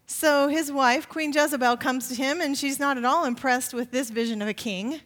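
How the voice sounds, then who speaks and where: Woman preaching in an echoing hall. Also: normal speed. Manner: expressive storytelling, rising pitch for emphasis. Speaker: pastor. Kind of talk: sermon. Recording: long reverb of a large hall.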